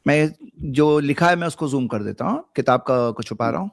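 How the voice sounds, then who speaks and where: Gravelly, brisk host moderating a discussion. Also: male voice, medium pitch, expressive, no room sound, studio quality. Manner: brisk and directive, steering the talk. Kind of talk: moderating a live online discussion.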